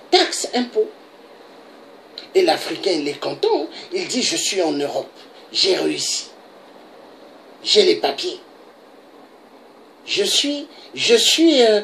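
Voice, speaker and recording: A woman's voice: mid-range voice, slight background noise. A woman from DR Congo giving an impassioned political monologue, pressing her points and often tagging them with a rhetorical "hein?". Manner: emphatic, repeats "hein?" for emphasis. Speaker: political commentator.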